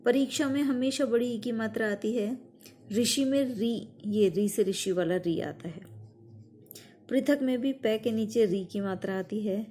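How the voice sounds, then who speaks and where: A woman teacher, patiently explaining grammar to children with slow, emphatic examples. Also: on the high side, warm tone.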